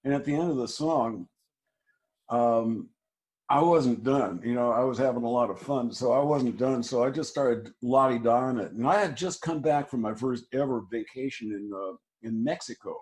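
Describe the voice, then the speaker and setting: Man telling an unhurried musical story. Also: mid-range voice, a little mellow. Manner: halting, many restarts and fillers. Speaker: interview guest, musician. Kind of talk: casual storytelling.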